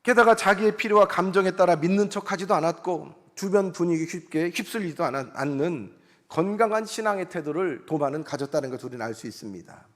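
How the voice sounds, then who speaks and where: A man's voice: high voice, expressive, fast talker. A male pastor preaching a sermon in an earnest, conversational way, voicing people's inner thoughts as he goes. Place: church sanctuary. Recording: long church hall reverb.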